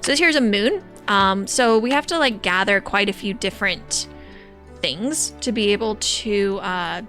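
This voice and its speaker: A woman's voice: medium pitch, measured pace, a bit bright, soft background music. A woman giving chatty, giggly commentary as she plays a game. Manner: chatty, giggly, easily delighted. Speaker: gamer.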